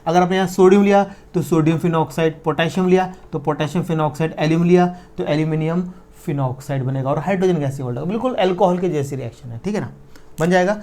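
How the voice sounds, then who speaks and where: A male chemistry teacher, his voice mellow and warm. He walks through reactions step by step, puts a question to the class and answers it himself. He slows right down to spell out formulas. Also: fairly high pitch. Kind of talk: exam-prep chemistry lecture.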